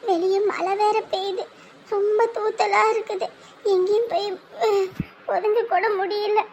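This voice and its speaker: கூர்மையான வயதான மாமியார். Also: female voice, very high-pitched, flat delivery, a little slow, darkish tone, slight background noise. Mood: pleading. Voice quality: nagging, scolding, then pleading. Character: sharp-tongued old mother-in-law, later destitute. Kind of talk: animated drama dubbing.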